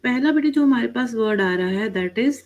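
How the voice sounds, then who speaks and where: Woman, language teacher, online class, slightly high voice, muffled lo-fi sound. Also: lively intonation, moderate pace, a little mellow. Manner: addresses students as "beta", frequent "theek hai?" checks; mixes English words into explanations.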